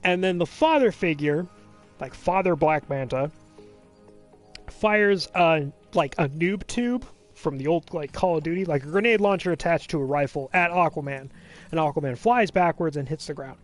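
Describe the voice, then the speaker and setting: A man hosting a let's play, chatting casually and recapping a film in a rambling, animated way full of fillers. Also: on the high side, moderate pace, faint music behind.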